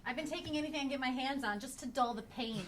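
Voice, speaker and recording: A woman's voice: high-pitched, very fast, close to an everyday voice. A woman playing an exasperated, moralizing bearded lady of the carnival in a theatrical live improv comedy scene. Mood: bitter. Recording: noisy live stage recording.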